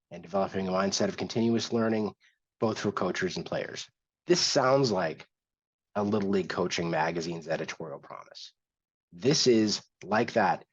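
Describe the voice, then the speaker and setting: In this instructional screen-share workshop, the male host speaks with a fairly low, slightly rough voice, explaining things step by step in a chatty manner with occasional restarts. Audio quality is dull and lo-fi.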